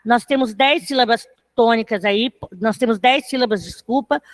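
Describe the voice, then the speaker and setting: Woman, high-pitched, patient online literature teacher who checks in with students after most phrases. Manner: counts syllables aloud slowly. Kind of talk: online class lecture.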